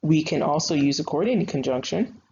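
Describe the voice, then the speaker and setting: Speaking fast and expressively, a young female writing instructor with a deep, dark voice walks through a grammar lesson recorded online. She's patient and chatty, full of fillers, and the audio is slightly dull lo-fi with a bit of faint noise.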